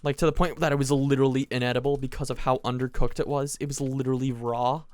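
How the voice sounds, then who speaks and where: A man's voice: medium pitch, little pitch movement, quick pace, a little mellow, dry recording. Teen male gaming commentator, casual rambling storyteller, clean dry desk-mic sound. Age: teens. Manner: rambling, self-interrupting, frequent restarts. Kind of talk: casual storytelling over gameplay.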